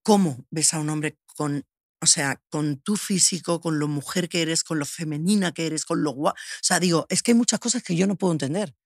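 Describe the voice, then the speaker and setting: A woman's voice: low voice, moderate pace, no echo, studio quality. Empathetic woman host. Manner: probing, empathetic questions, frequent "you know?" tags. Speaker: interview host. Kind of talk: intimate interview.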